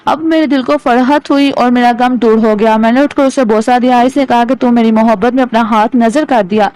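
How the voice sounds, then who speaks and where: High, smooth female storyteller. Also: dry recording, low-quality recording. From Pakistan. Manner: steady, measured reading. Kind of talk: audiobook story narration.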